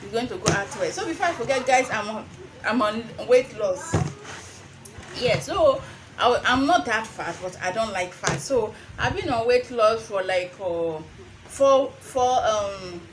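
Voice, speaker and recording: A young adult woman with a Nigerian accent speaks a little high and expressively, in no hurry, over a noisy background. An herbal remedy seller and vlogger, she gives an informal how-to demonstration, slipping between English and Pidgin phrasing and repeating phrases for emphasis.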